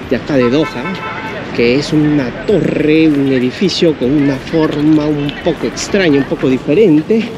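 A middle-aged man narrating a walking travel vlog, chatty and upbeat, talking to his viewers while holding the camera at arm's length. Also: on the high side. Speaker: travel vlogger. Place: outdoors by a street, then inside a large mall. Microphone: action camera held at arm's length. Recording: loud street and crowd noise. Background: traffic and crowd ambience.

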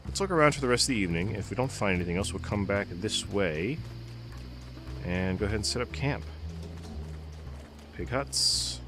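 A man with a lowish, expressive voice talks at a moderate pace and pauses often during his casual let's-play. He mutters to himself and sounds a bit congested from a cold. Loud music fills the background.

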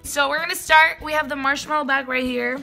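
A woman's voice: sits high, fairly even intonation, brisk, vocal fry, pushed and bright, soft background music. A young woman vlogger chatting casually and animatedly to the camera as host. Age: young adult. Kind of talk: casual vlog chat to camera.

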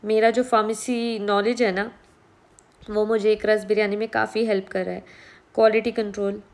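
With a mid-range, darkish voice, a young woman records a relaxed vlog on a close-up phone camera in a small room at home. She explains what she has learned from running a restaurant, mixing English words into her speech.

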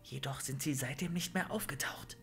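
A man's voice: mid-range voice, moderate pace, creaky, a bit bright, faint music behind. A man voicing a secretive young village woman who gives ominous, conspiratorial warnings, sometimes in a whisper. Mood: urgent whisper.

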